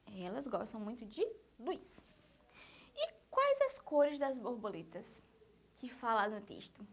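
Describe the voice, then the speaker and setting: Lively high-voiced Brazilian woman teacher. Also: takes it slowly, slightly rough. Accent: Brazilian Portuguese. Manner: warm, sing-song teacher talk, checking in with "tá bom?". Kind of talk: online lesson for young children.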